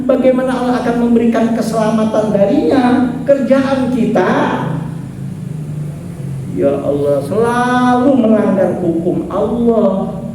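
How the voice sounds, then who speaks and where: Joking preacher in an echoey mosque. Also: male voice, high voice, background noise. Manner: jokey storytelling with rhetorical questions to the congregation. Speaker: Islamic preacher teaching a mosque study class. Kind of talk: mosque study lecture. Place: mosque prayer hall. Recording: echoey mosque hall from far off.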